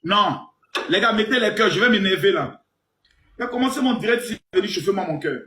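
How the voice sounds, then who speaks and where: Man, 40s, high voice, crude teasing streamer, roomy sound with faint noise. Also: expressive, fairly quick. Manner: crude, teasing, mock-indignant, swings loud and low. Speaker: live stream host. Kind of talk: provocative live stream banter.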